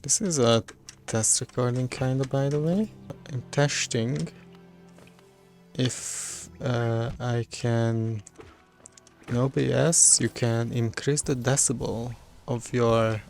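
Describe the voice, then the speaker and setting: Slow, gravelly-voiced man rambling over gameplay. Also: mid-range voice, steady tone, darkish tone, soft background music. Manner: rambling, self-correcting, stumbles over words. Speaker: gamer playing on a recording. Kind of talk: casual gameplay commentary. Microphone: desktop microphone.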